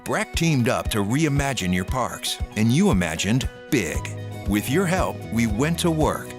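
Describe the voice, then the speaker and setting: A man voicing a scripted radio advertisement with an upbeat announcer delivery. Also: medium pitch. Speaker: ad voice-over announcer.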